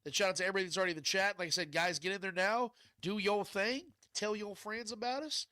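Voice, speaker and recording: Congested guy doing sports show, super nasal stuffed nose, quick talker, close dry sound. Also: high voice, bright, forceful tone, dry recording. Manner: blunt, mild swearing, chummy slang. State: stuffed up, can't breathe through nose. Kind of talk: casual sports talk.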